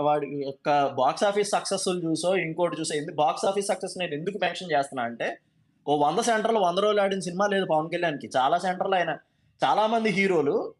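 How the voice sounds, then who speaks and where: A man giving a passionate, emphatic monologue as a fan commentator, dropping English phrases into his talk. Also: on the high side.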